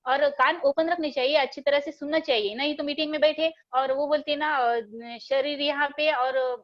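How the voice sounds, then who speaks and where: Woman with a Marathi accent, high voice, dry close sound, hesitant with fillers, motivational talk over a video call. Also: fairly even intonation, moderate pace, no room sound, muffled recording. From Maharashtra, India. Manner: hesitant, many fillers and restarts. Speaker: speaker at a business meeting.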